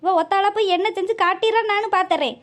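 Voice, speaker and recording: Woman voicing a sneering cartoon mother-in-law, very high voice, rapid talk. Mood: scornful. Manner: sneering, mocking. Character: scornful bossy village mother-in-law.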